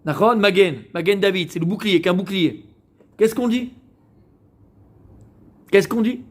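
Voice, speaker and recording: High-voiced man teaching a Torah class. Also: a little slow. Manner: asks the class questions and answers them himself; repeats words while searching for them. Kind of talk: Torah lesson to women.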